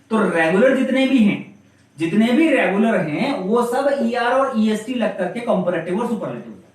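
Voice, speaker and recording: A male teacher giving a classroom grammar lesson, asking the class questions and then answering them himself. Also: sits high. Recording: very echoey room, voice from a distance.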